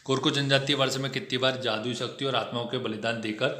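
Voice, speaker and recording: A man teaching an exam-prep lesson in a brisk, chatty way, often checking in with his students. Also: mid-range voice, steady tone, bright, forceful tone, echoey room. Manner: brisk, chatty explaining with frequent "ठीक है" check-ins. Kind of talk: test discussion lesson.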